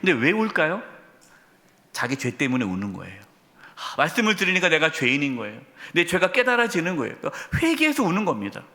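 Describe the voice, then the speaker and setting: A man's voice: fairly high pitch, fast. A middle-aged male pastor preaching a sermon, telling stories and putting questions straight to his congregation. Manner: addresses congregation directly with questions; storytelling, animated emphasis. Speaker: senior pastor. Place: church sanctuary. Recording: long church hall reverb.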